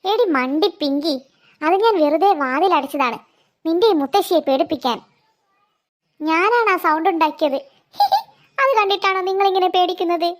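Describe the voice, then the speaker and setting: A woman's voice: very high-pitched, animated, normal speed, long pauses. A woman voicing a mocking prankster woman in a cartoon, who teases in a scornful way. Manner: teasing, scornful. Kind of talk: cartoon voice acting.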